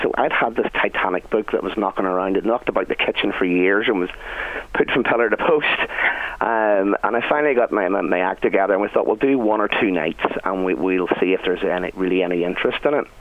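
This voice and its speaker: Low-voiced Northern Irish man, chatty storyteller. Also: a little fast, phone-quality sound. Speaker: guest, restaurant chef. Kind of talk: conversational radio interview answers.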